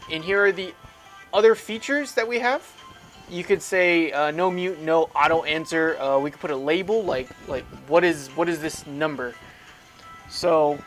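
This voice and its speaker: A man with a slightly higher-than-average, somewhat bright voice instructs in a casual, hands-on tech tutorial, explaining each step aloud as he demonstrates it. He informally asks himself questions and answers them, with music playing behind him.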